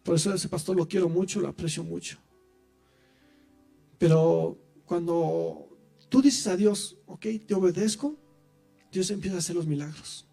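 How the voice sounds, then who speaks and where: A man giving his testimony in church, telling his story in an animated way and speaking straight to the listeners. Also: high-pitched, moderate pace, gravelly, long pauses, soft background music. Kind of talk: preaching testimony.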